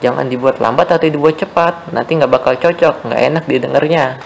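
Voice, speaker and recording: Gravelly young male teacher. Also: medium pitch, a little fast, slight background noise, rough recording. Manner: patient, explains step by step, often asks "ya?". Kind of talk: online class lesson for children.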